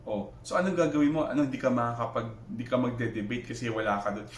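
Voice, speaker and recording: A vlogger with a Filipino accent reacts heatedly to another creator, arguing in Taglish, switching between Tagalog and English, firing off rhetorical questions, and restarting sentences often. His medium-pitched voice is steady and fast, recorded with a roomy sound and a little hiss or hum.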